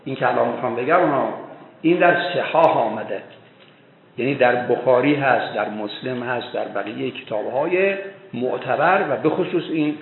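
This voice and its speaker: A man's voice: mid-range voice, vocal fry. A man giving a scholarly religious lecture on hadith, talking with emphatic bursts where his voice rises. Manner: emphatic, voice rising in bursts for stress. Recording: echoey, tinny phone-like sound.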